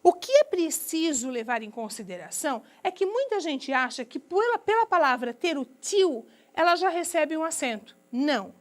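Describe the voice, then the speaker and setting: High-voiced Brazilian woman lecturing. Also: big pitch swings, moderate pace, hardly any pauses. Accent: Brazilian Portuguese. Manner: didactic, asks and answers her own questions. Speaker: university lecturer. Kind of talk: recorded distance-learning lecture.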